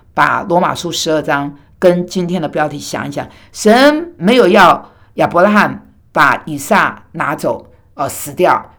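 Chatty Taiwanese-born woman preaching. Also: sits low. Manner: animated, chatty asides with many fillers. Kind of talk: sermon.

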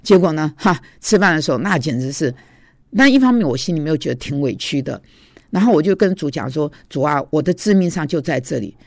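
Slightly high-voiced male preacher, dry sound. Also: animated, a little fast, gravelly, no room sound. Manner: storytelling, confessional, many hesitations. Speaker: seminary teacher and preacher. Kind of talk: informal devotional talk.

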